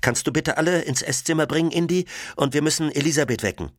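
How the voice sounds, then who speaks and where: A man voicing a tense young woman who takes charge in a crisis, speaking briskly and in clipped lines. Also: on the high side, dry recording, clean studio sound, voice pushed up, close to an everyday voice. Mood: tense urgent.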